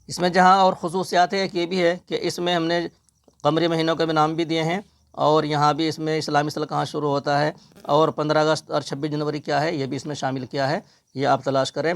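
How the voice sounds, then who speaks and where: A man's voice: on the high side, gravelly. A middle-aged man teaching a reading primer, sounding out words letter by letter. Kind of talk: spelling-out reading lesson.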